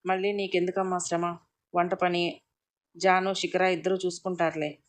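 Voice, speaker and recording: A fond, gentle older mother-in-law in a read-aloud family story, voiced by a woman narrator. She speaks low and level, with warmth in her words rather than in big swings of tone. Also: level tone, moderate pace, lightly acted. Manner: gentle and affectionate.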